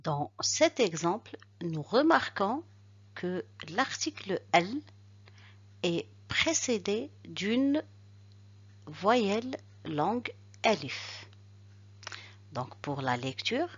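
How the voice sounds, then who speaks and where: A woman teaching a recorded reading lesson, explaining rules step by step and slowly repeating each example word. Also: medium pitch, breathy edge, lo-fi sound. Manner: slow, careful, repeats examples syllable by syllable.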